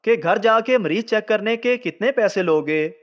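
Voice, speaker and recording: A man reading out a string of short jokes as scripted narration, in an unhurried storytelling manner. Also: sits high, expressive, lo-fi sound. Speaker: joke teller.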